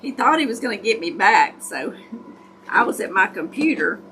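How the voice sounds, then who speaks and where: A woman's voice: medium pitch, very animated, moderate pace, sharp tone, slight background noise. A woman with a Southern US accent and folksy hillbilly way of talking, chatting and telling stories casually to livestream viewers. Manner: folksy, self-described hillbilly country talk. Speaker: craft livestream host. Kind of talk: casual chat, storytelling to live viewers.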